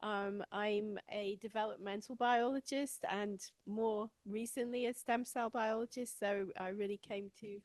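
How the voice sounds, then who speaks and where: A stem cell biologist from England, a woman with an English accent, appears as a guest speaker, informally explaining science to a lay audience in front of her. Her medium-pitched, darkish voice is steady and a little slow, with hardly any pauses, and there's no room sound.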